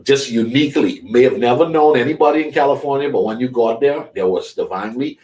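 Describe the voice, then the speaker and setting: A man's voice: mid-range voice, quick pace, a little mellow, far from the mic. A middle-aged man from the Bahamas speaking as a guest life coach, with an earnest, preacherly motivational delivery. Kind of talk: conversational talk show interview.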